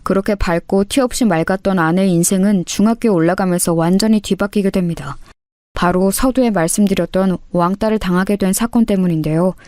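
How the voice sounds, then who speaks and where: Lady reading a drama story calmly, mid pitched, dry close mic. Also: brisk, no room sound. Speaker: audiobook narrator. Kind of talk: scripted storytelling narration.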